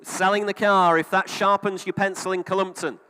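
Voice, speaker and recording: Bright-voiced British auctioneer in a reverberant hall. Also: male voice, high-pitched, level tone, moderate pace, clear, resonant tone. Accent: British English. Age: middle-aged. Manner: repeats bids in a running patter. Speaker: car auctioneer. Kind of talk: live auction bid calling with chatty asides.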